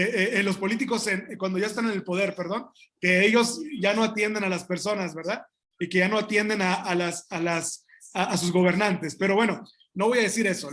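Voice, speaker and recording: High-voiced man preaching a sermon. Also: fairly bright tone. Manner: emphatic preaching, addresses congregation as brothers; halting restarts and asides. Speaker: pastor.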